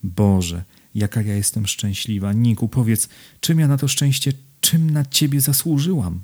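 A man's voice: mid-range voice, a little slow, darkish tone, close to an everyday voice. A man voicing a young newlywed woman, adoring and overjoyed, who asks gushing, breathless questions in an audiobook. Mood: rapturous. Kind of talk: audiobook character reading.

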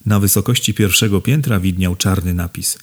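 A man reading a novel aloud as an audiobook narrator, in steady, measured storytelling. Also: sits low. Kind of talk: scripted literary narration.

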